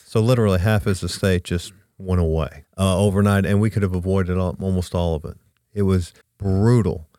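A man with a low, clear voice speaks conversationally as an advisor. The sound is close and dry. He stresses his points by repeating them. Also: steady tone, brisk, warm tone, no room sound. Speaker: estate planning advisor, podcast guest. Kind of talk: conversational anecdote and advice.

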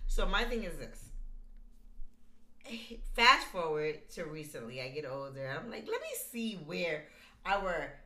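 A woman's voice: sits low, lively intonation, measured pace, bright, forceful tone. A woman co-hosting a podcast, chatting casually and telling stories with emphasis. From United States. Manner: emphatic, storytelling. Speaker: podcast co-host.

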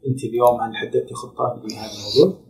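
Very fast-talking male interviewer. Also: mid-range voice, fairly even intonation, creaky. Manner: rapid, probing questions. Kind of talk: interview questions.

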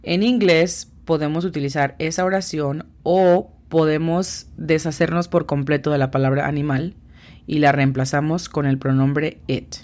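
A woman hosting a podcast lesson as an English teacher, explaining slowly and carefully and spelling words out sound by sound. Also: deep voice, fairly even intonation, darkish tone.

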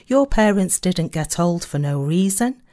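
A woman reading a sermon aloud in a measured, earnest way, slowing down on key phrases. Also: on the low side, expressive, mellow. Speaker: sermon reader.

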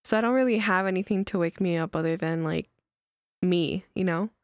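A woman's voice: fairly low pitch, brisk, dry recording, clean studio sound. A young woman from El Salvador chatting casually on a podcast, hesitant and full of filler words. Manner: hesitant, lots of likes and I don't knows. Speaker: podcast co-host.

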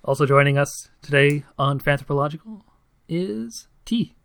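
A man's voice: on the high side, lively intonation, normal speed, vocal fry, fairly bright tone, smooth. A man hosting a podcast, chatting casually and joking with his co-hosts. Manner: playful, jokey banter. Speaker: podcast host.

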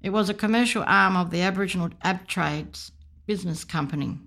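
A woman reading a pronunciation guide. She says each word several times, slowly and carefully, and then gives a short definition. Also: fairly low pitch, creaky, a bit bright. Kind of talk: slow, repeated word-by-word pronunciation.

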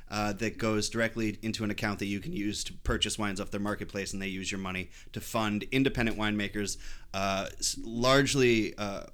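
Low-voiced man explaining wine casually. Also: clear, resonant tone. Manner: laughs easily, explains wine in a relaxed ramble. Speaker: podcast co-host. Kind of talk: casual wine-tasting chat.

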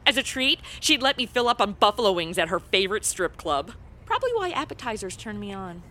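A woman's voice: medium pitch, big pitch swings, fairly quick, sharp tone, slight background noise. An actress playing a flippant modern young American woman stranded in the past, in a comedy audio drama. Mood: blasé.

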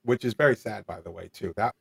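A man in his forties, an interview guest, tells a candid personal story in an earnest, rambling way full of fillers and restarts. His voice is lowish, gravelly and husky with a fairly bright tone, and he talks fast.

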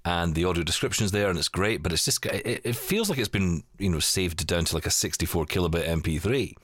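This Scottish podcast host in his forties chats casually, rambling and joking in a low-pitched, expressive voice. He talks a little fast with a fairly bright tone. The sound is clean studio quality with no echo.

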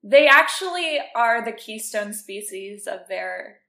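Woman co-host, casual and chatty, laughs a lot; higher voice, roomy recording. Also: animated, slow, bright, forceful tone. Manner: chatty, laughs often, explains facts. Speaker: podcast co-host. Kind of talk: casual chat. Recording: roomy echo.

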